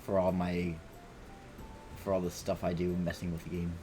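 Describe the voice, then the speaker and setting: A man's voice: sits low, monotone, moderate pace, dark tone, soft background music. A man streaming a video game, rambling and swearing as he talks to himself and his viewers. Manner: rambling, profane, self-talking. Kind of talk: casual gameplay commentary.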